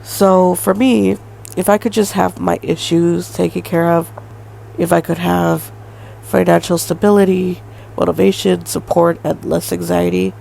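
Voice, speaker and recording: A woman's voice: on the low side, little pitch movement, unhurried, vocal fry, warm tone, a little hiss or hum, rough recording. A woman in her twenties hosting a solo podcast, talking in a rambling way with lots of fillers and hedges. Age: 20s. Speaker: podcast host. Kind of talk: casual solo podcast monologue.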